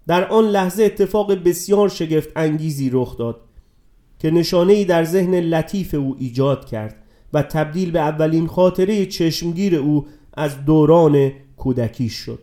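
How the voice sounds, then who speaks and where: A man narrating a story aloud in a calm, measured way. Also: a little high. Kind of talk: audiobook narration.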